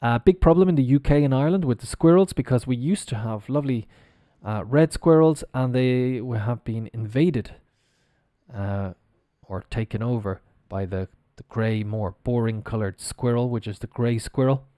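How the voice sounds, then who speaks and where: A man's voice: mid-range voice, normal speed, dark tone, no echo, studio quality. A man teaching English pronunciation on a live stream, spelling words out letter by letter and chatting casually as he goes.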